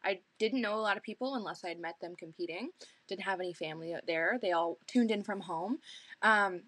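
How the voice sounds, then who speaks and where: Bright, chatty young woman guest. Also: lowish voice, fairly quick, no echo. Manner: earnest, chatty, lots of fillers. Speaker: guest, pageant titleholder. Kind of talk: casual podcast chat.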